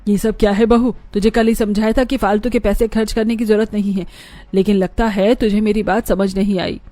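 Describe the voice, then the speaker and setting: A man doing a bossy cartoon mother-in-law, scolding, mellow dark tone. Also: high-pitched, normal speed, no echo, voice pushed up, close to an everyday voice. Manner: scolding, sharp. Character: stern scolding middle-aged mother-in-law. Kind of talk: cartoon voice acting.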